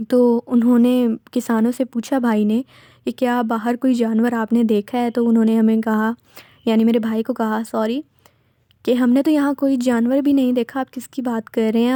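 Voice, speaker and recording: A woman with a Pakistani Urdu accent narrating a true horror story, retelling her brother's account in an unhurried, rambling way with self-corrections. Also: a little high, flat delivery, warm tone, dry recording, studio quality. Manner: retelling a brother's account, slipping between third and first person.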